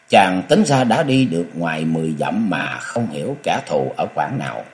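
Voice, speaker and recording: A man with a low voice narrates a martial arts novel. His delivery is expressive, and his pitch rises and falls widely to keep the story moving. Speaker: audiobook narrator.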